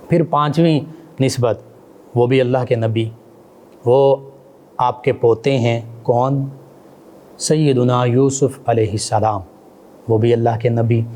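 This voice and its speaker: A man teaches in a calm, explanatory lecture style, pausing often with hesitant fillers. His voice is mellow and dark at an ordinary pitch for a man. He adds reverent honorifics to the names he mentions. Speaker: religious scholar. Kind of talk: religious lecture.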